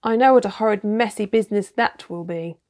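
A woman's voice: medium pitch, a little fast, a little mellow, natural voice. A woman reading a practical, cautious schoolgirl. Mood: anxious. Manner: practical, slightly worried. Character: sensible, cautious girl, older sister.

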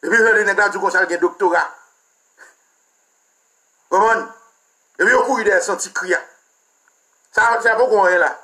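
A man's voice: high-pitched, moderate pace, long pauses, bright, forceful tone. A man with a Haitian accent, a political commentator delivering a heated, mocking and crude rant.

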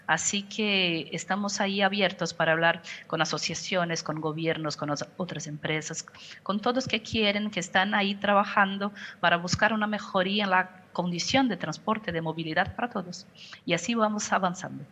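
A Brazilian woman in middle age, a company communications director, gives a panel interview answer in Spanish with a Portuguese accent. Her voice is slightly low yet a bit bright, and over a headset on a video call from her indoor home office she speaks carefully, searching for words and often restarting phrases.

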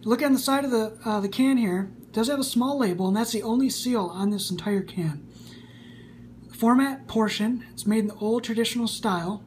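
A man's voice: high voice, moderate pace, darkish tone. A man in his twenties giving a casual, enthusiastic product review, recorded indoors on a camera. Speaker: snus reviewer. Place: small room indoors. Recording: faint background hum.

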